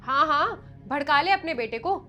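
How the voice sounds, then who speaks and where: A woman's voice: sits high, expressive, moderate pace, sharp tone, faint music behind. A young woman playing a rude, bossy daughter-in-law who insults and orders her in-laws around in a family skit. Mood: contemptuous. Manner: insulting, commanding.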